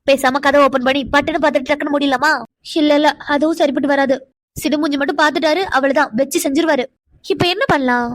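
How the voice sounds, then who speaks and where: A woman's voice: sits high, steady tone, fast, dry recording, studio quality, close to an everyday voice. A woman voicing an anxious, heartbroken young wife in a cartoon drama, fretting aloud to herself. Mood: anxious muttering.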